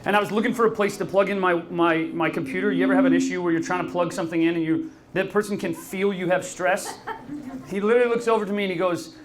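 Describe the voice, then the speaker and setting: A man's voice: high-pitched, fairly even intonation, fast. A man hosting a live podcast, talking with an upbeat, chatty manner and often asking the crowd questions. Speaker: podcast host. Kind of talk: live podcast talk to an audience. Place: bar venue with a live audience.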